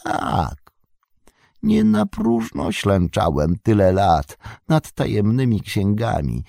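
A man's voice: a bass voice, lively intonation, gravelly, darkish tone, husky, dry recording, studio quality, heavily acted. Saruman, a man doing a sneering old wizard. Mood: scornful. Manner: sneering, drawn-out mocking speech. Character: bitter fallen old wizard beggar, scornful. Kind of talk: audiobook character reading.

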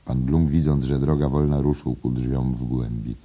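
A man narrating a literary novel as an audiobook, in a measured reading style. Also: rumbling low, steady tone, warm tone, husky. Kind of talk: scripted narration.

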